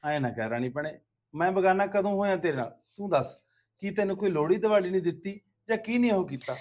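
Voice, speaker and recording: A man's voice: high voice, lively intonation, quick pace, a little mellow. An actor with a Punjabi accent playing a village man pleading with a woman he calls sister. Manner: pleading, placating. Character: pleading middle-aged village man, defensive. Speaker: actor playing a family friend. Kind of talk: village web series drama.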